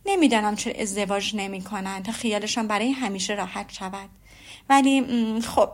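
A woman reading the lines of a witty, teasing young lady in a storybook, with an ironic, lively manner. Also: a little high.

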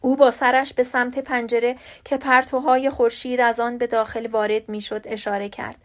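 A woman narrating an audiobook in the first person, reading calmly and evenly. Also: fairly high pitch.

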